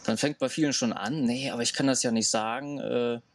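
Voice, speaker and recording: A man's voice: medium pitch, fairly even intonation, brisk, no room sound, far from the mic. Argumentative man, a bit off-mic. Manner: emphatic, argumentative. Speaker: interviewee. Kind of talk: outdoor interview. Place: outdoors in woods.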